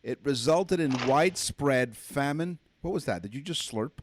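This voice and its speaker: A man's voice: mid-range voice, expressive, moderate pace, a little hiss or hum. A man co-hosting a comedic trivia podcast, reading facts and trading puns in playful banter. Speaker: podcast co-host.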